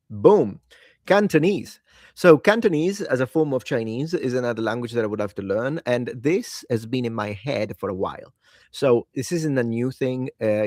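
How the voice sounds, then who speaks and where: It's a studio-quality, dry recording of a medium-pitched, slightly mellow man's voice. He's a language-learning video host whose native language is Italian, tired late at night and talking casually to camera with enthusiasm about languages he wants to pick up. He tends to ramble and keeps correcting himself.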